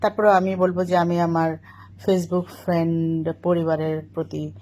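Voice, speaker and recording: A woman's voice: fairly low pitch, level tone, unhurried, dark tone, a little hiss or hum. A middle-aged woman talking to camera, correcting other people's pronunciation in a lecturing tone. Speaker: vlogger answering critics.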